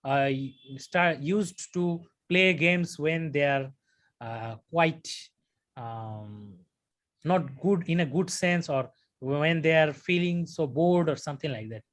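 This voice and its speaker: A test candidate, a young man from Bangladesh, works through practice speaking-exam answers. He sounds unsure, pausing often, restarting sentences and leaning on fillers, all in a fairly high voice.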